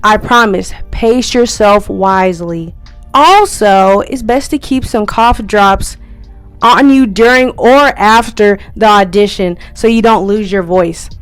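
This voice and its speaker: A woman's voice: mid-range voice, takes it slowly, clean tone, no echo, faint music behind. A young woman vlogger sharing friendly, encouraging tips as a first-year scare actor, in a chatty, upbeat way. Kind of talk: friendly tips vlog, partly scripted.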